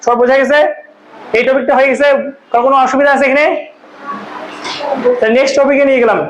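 Male classroom tutor, very high and fast, quizzing pupils, roomy dull recording. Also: flat delivery, a little hiss or hum. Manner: questioning students, repeating answers. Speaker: math tutor. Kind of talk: classroom teaching. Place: tuition classroom.

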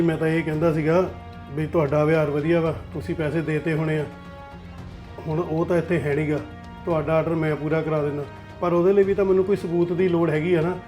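An actor playing a troubled firm owner who talks calmly and reasons with an angry client, with a Punjabi accent. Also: male voice, fairly high pitch, quick pace, muffled recording, faint music behind, lightly acted. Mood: placating. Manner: soothing, reasoning. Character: troubled male firm owner, placating and weary. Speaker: office owner.

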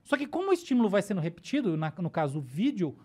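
A Brazilian woman on a podcast with a warm, mellow tone, laying out ideas step by step. She speaks in a relaxed way and keeps checking that her listener follows along. Her pitch sits in an ordinary middle range. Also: quick pace, husky. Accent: Brazilian Portuguese. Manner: explanatory, often checks in with "tá?" and "né?". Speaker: neuroscientist guest. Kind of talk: casual podcast explanation.

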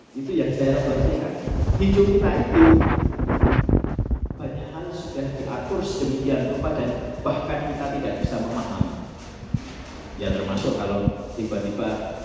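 A man's voice: medium pitch, noisy background. A priest in his forties giving an informal, reflective birthday speech into a handheld mic, telling a story and working through numbers aloud. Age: 40s. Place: large church hall with tiled floor. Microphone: handheld microphone, filmed from far. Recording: echoey hall from far off.

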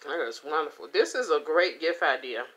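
A middle-aged woman chatting casually to the camera as she reviews food at home, with an unhurried manner. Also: sits low, animated, a bit bright. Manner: unhurried, talking between bites with pauses and mm sounds. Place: indoors, small home room. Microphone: camera or phone at about arm's length.

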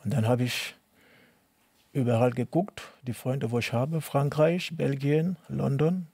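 Interviewee: man from Cameroon, middle-aged, non-native speaker; rough, dry-sounding voice, halting and repetitive delivery. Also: mid-range voice, fairly even intonation, warm tone, no echo. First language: not German. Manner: halting, repeats words, broken German. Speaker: interviewee, tennis coach. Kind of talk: personal testimony interview.

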